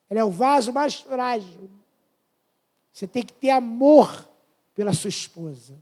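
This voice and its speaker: A man in his fifties with a Brazilian Portuguese accent delivers a fervent sermon testimony to a congregation. His voice is very high, with a somewhat dark tone.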